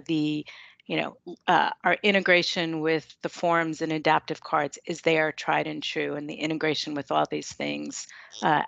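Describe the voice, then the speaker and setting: New York woman, low gravelly voice, dry close sound, chatty vendor guest on a video call. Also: a bit bright, dry recording. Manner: chatty, self-aware, promotional. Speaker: software company guest speaker. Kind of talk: conversational product discussion. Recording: muffled video call audio.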